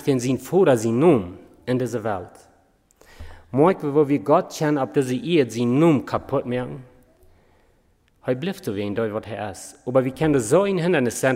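A man preaching with an earnest, halting delivery and frequent restarts. His voice sits at a middling pitch, and a long reverb carries it through what sounds like a church hall. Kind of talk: sermon.

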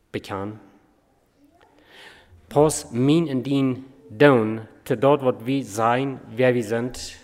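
A man giving a sermon in an earnest, halting way, often pausing on fillers and starting over. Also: medium pitch. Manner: earnest, halting delivery with many fillers and restarts. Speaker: preacher. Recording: reverberant hall.

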